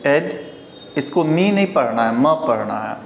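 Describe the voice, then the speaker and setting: A man with a Hindi accent teaching English pronunciation at a board, repeating each word slowly and with care. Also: on the high side, lively intonation, gravelly. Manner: slow, deliberate, repeats each word several times. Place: classroom with a board. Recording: echoey room with faint ambient noise.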